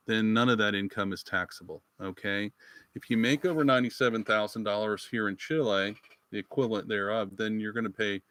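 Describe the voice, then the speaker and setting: A man's voice: lowish voice, a bit bright, dry recording. A man from the United States hosting a live Q&A, answering viewers in a folksy, rambling, chatty way from his rural home. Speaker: channel host answering viewer questions. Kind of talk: live-stream Q&A chat.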